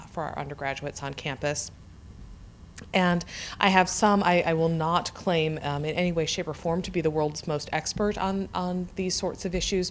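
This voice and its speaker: A psychology faculty member speaks informally to a campus audience in a meeting room, hesitant, with many "uh"s and repeated words. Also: male voice, on the high side, a little hiss or hum.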